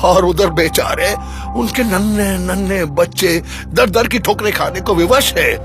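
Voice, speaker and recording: A man's voice: high-pitched, unhurried. A man playing a sly, scheming lame schemer. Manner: sly, insinuating, mock-sympathetic. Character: scheming crippled middle-aged brother-in-law. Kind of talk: audio drama acting. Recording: music bed underneath.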